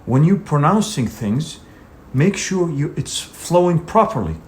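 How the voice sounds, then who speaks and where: Fairly high-pitched and very animated, this man keeps a measured pace while teaching an English speaking exam lesson on video. His coaching is direct and emphatic, peppered with "you know," and there's slight background noise.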